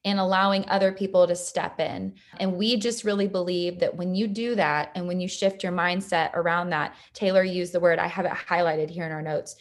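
A woman's voice: fairly low pitch, steady tone, moderate pace, hardly any pauses. Female podcast co-host, earnest and encouraging, conversational. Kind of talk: casual podcast chat.

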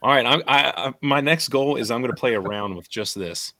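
A young man hosting a casual chat, animated and laughing as he thinks aloud. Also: mid-range voice, brisk, slight background noise. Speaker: podcast host reviewing discs.

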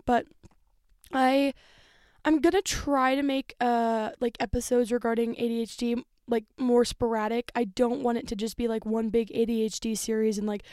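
A young woman of nineteen chats on her own podcast, rambling freely and padding her talk with fillers. Her voice sits a touch high. The recording is dry, with no room echo. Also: a little mellow. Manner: rambling, filler-heavy, chatty. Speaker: podcast host. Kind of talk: casual solo podcast chat.

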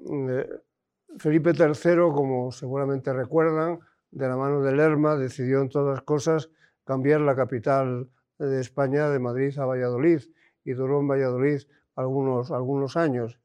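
A man's voice: medium pitch, flat delivery, normal speed, a little mellow, clear, resonant tone. A man giving an academic lecture, hesitant, with frequent fillers and restarts.

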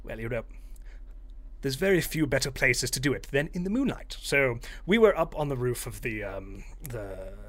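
A man's voice: medium pitch, lively intonation, normal speed, a bit bright. A man doing a posh gossiping cat. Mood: conspiratorial. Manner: conspiratorial, fussy, hesitant British-style toff talk. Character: posh gossipy male cat, well-groomed and regal.

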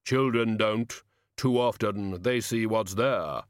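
A man voicing Death as a solemn, grave male figure who speaks slowly and drily. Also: lowish voice, no room sound, studio quality.

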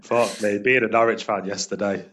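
A man's voice: fairly low pitch, steady tone, moderate pace, fairly bright tone, a little hiss or hum. A man giving blunt, casual banter as a regular on a football podcast.

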